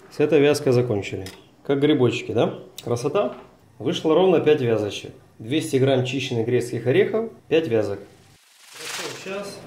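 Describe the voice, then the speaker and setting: A man's voice: mid-range voice, darkish tone, slight background noise. Echoey Odesa-accented man narrating a recipe. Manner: folksy, chatty, addresses viewers directly. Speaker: cooking show host. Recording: roomy echo.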